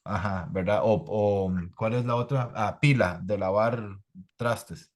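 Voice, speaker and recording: Low-voiced man explaining linguistics. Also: slow pace. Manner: explanatory, many "¿verdad?" tags. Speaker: presenter on the creole translation. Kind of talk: academic online talk.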